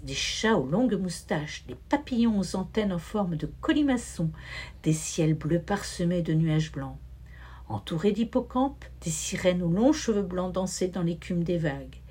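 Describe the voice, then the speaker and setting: A woman reads a children's story aloud in a husky voice. Her pitch moves in lively rises and falls, and she reads long lists in a rhythmic cadence. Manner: expressive, rhythmic listing.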